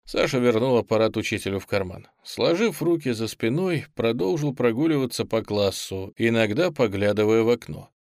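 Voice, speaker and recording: A man narrating an audiobook in a calm, measured way, voicing the characters himself. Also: mid-range voice, dry recording, studio quality. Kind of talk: audiobook reading.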